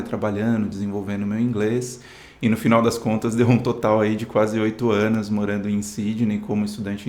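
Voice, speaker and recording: A Brazilian man in his thirties, speaking with a Brazilian Portuguese accent, tells his story as a guest in a casual interview chat, earnest and relaxed, frequently adding "né". His voice is on the low side with a darkish tone, heard in an echoey room.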